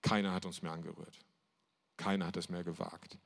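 A man's voice: sits low, level tone, brisk, vocal fry. A male pastor giving a sermon, telling stories with emphatic repetition. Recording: long hall reverb.

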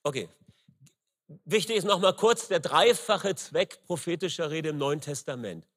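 A middle-aged man preaching a sermon, emphatic and rising loud on key words, with frequent fillers. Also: a little high, expressive, moderate pace. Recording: long reverb in a large hall.

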